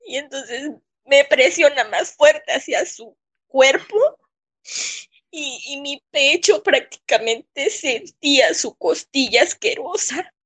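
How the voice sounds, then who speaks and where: A woman recounting a personal ordeal in an interview, in a shaken, halting way with frequent pauses. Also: high-pitched, a bit bright. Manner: halting, shaken, pausing often. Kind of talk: emotional personal testimony.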